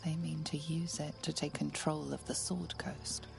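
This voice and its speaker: A solemn fantasy game narrator whose low, deep voice carries a heavy gravelly fry. She speaks slowly and deliberately, with ominous weight, over clear game music. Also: level tone. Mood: foreboding. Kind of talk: scripted game narration in second person.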